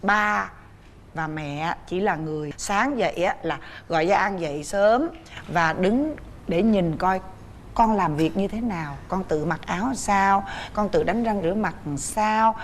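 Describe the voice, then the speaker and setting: A middle-aged woman with a Southern Vietnamese accent hosts a talk show, chatting and gently coaxing her guests. Her voice sits at a middle pitch, with faint background noise under it. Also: unhurried. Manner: warm, coaxing, speaking gently to a child. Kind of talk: casual chat.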